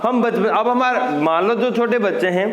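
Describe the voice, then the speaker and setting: A man with a Rajasthani-tinged Hindi accent teaching a spelling lesson, emphatic and repeating words slowly to drill pronunciation while writing on a board. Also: high voice. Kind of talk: classroom-style spelling lesson. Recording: echoey room with long reverb.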